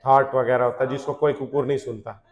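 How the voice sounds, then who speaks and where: A man in his thirties teaching chemistry to a classroom in a casual lecture. He asks tag questions over and over and makes the class chant formulas loudly and slowly. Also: mid-range voice, level tone, muffled recording. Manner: chatty, rhetorical tag questions, drills formulas by loud slow chanting.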